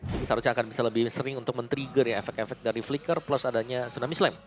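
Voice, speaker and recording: A man's voice: mid-range voice, steady tone, very fast. A man with an Indonesian accent giving analytical co-commentary on an esports match. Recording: music and game sound behind.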